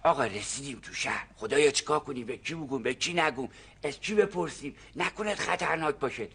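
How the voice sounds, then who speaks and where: An actor playing a nervous rural farmer who tells his story in hushed, dramatic whispers, in a TV comedy series. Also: fairly high pitch, slightly rough. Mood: secretive. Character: nervous rural male farmer, secretive and fussy. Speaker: farmer explaining a find.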